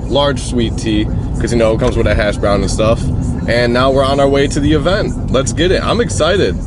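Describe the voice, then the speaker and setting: Young man vlogging from his car. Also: medium pitch. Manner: relaxed, rambling, self-talking. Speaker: vlogger and vintage clothing seller. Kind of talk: casual vlog talk to camera. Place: car, event hall and parking lot. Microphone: handheld camera at arm's length.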